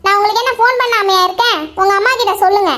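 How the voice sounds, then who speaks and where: This is a woman voicing a young cartoon wife with a very high, shrill voice. She answers her mother-in-law in an indignant, retorting way. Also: steady tone, racing, pushed and bright. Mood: defiant. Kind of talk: cartoon voice acting.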